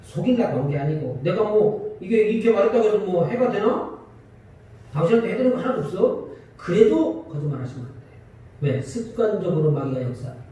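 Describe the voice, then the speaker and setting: A man's voice: sits high, a little fast. A man preaching a Sunday sermon as pastor, asking the congregation questions and acting out quarrels. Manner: lively, asks the congregation questions and acts out quarrels. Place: church sanctuary. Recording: echoey church hall from far off.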